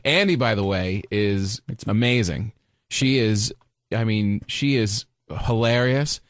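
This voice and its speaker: A man hosting a casual interview, relaxed and laughing along with his guest. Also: lowish voice, slow, dry recording, clean studio sound. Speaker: podcast host.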